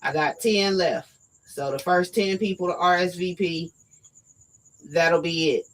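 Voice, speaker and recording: A woman hosting a live talk show, talking directly and emphatically to her viewers, her voice going hoarse. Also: on the low side, fairly even intonation, unhurried, low-quality recording. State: losing her voice. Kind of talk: casual live-stream talk.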